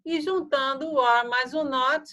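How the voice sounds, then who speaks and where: A woman English teacher whose first language is Portuguese walks her students through grammar in an online lesson. Her voice sits a little high, and she explains step by step with a patient, conversational manner, pausing to check that everyone follows. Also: fairly bright tone, low-quality recording.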